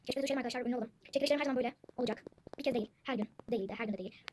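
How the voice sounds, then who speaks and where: A high-pitched young woman rattling off quick, chatty gameplay commentary and calling out to her viewers again and again. She is recorded at home, with siblings' chatter clearly audible in the background. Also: darkish tone, a little hiss or hum. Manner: chatty, addresses viewers constantly. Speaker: gaming channel host. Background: siblings talking in the background.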